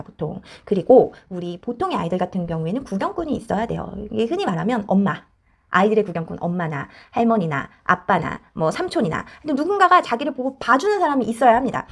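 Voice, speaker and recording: A woman child counselor giving parenting advice in a lively explanatory way, acting out the voices she quotes. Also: a little high. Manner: animated, acts out quoted voices.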